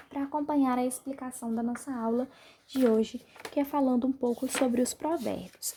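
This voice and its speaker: A woman teacher from Brazil, patiently going through the answers of an exercise for her class and spelling them out slowly. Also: high-pitched, warm tone, a little hiss or hum. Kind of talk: remote class lesson, correcting exercises.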